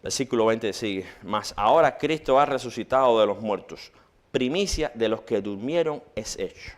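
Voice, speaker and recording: A man preaching a sermon in church, swinging between loud rhetorical questions and hushed quotations. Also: mid-range voice, expressive, normal speed.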